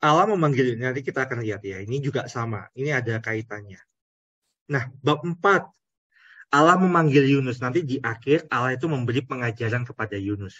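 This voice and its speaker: Husky-voiced priest teaching Scripture. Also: male voice, mid-range voice, lively intonation, a little fast, fairly bright tone, no room sound, muffled recording. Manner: asks rhetorical questions, addresses the audience directly. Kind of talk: conversational Bible teaching.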